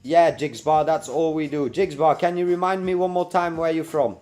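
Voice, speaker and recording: A young man with a fairly high voice hosts a live coding stream, answering viewers by name in an easygoing, chatty manner. Faint music plays behind him. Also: fairly even intonation, normal speed, darkish tone. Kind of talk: casual live-stream chat reading viewer comments.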